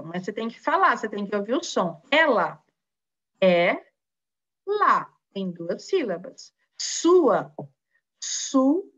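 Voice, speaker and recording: A woman teacher with a Brazilian Portuguese accent talks slowly and patiently to young children in a recorded online lesson. Her voice sits a bit high and moves up and down a lot. The sound is somewhat dull and lo-fi. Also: a bit bright. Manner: slow, patient, encouraging, with many diminutives. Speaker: primary school teacher.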